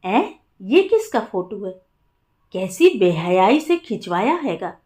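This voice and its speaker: A woman's voice: medium pitch, big pitch swings, takes it slowly, mellow. A woman playing a stern old village mother-in-law. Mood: scolding. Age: older. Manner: scolding, old-fashioned village speech.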